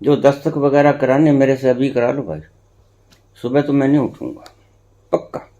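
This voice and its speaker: A man who is a spiritual teacher, giving a discourse to followers, swinging between hushed and emphatic and repeating phrases for effect. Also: mid-range voice, fairly even intonation, moderate pace, muffled recording.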